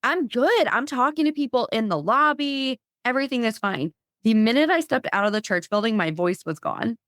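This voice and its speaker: A woman guest on a podcast, telling a lively faith story and acting out her own past thoughts in quotes. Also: fairly high pitch, normal speed, dry recording, clean studio sound.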